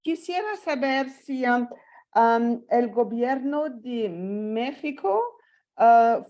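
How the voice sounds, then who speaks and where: A woman with a foreign accent in non-native Spanish, asking a question haltingly as she searches for words. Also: a little high, a little mellow. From not a native Spanish speaker. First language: not Spanish. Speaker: audience member asking a question. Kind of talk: spontaneous question at an online meetup.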